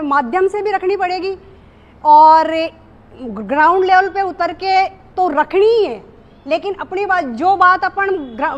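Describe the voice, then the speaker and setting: High-voiced woman sharing reflections. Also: highs cut off. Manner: hesitant, many fillers and restarts. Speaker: workshop participant. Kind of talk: reflective talk to a group.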